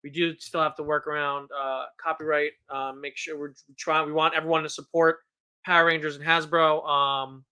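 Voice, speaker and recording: Bright-voiced rambling man in his thirties. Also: fairly high pitch, level tone, moderate pace, clean tone. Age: 30s. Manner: rambling, self-deprecating, with frequent restarts and laughs. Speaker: podcast co-host. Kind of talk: casual chat.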